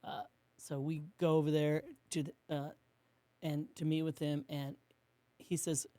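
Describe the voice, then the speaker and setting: A man, a business co-owner, telling a rambling story in an interview and acting out quotes in a hushed voice. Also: a little high, little pitch movement, measured pace, no room sound. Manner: rambling, with many restarts and fillers.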